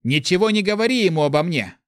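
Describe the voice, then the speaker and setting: Disembodied voice in the head, a male spirit done by a man, pitched well up, urgent and scolding, dry close sound. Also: big pitch swings, fast talker, a bit bright, no room sound. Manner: urgent, reproachful. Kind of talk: audiobook narration.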